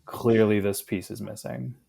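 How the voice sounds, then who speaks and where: A man in his thirties, a guest in a casual conversation, talking in a reflective, unhurried way with fillers. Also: on the low side, steady tone, vocal fry, warm tone.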